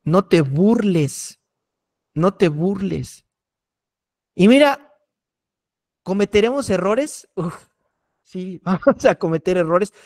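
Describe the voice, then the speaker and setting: A middle-aged man, a pastor giving a preaching workshop and repeating key warnings earnestly. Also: high voice.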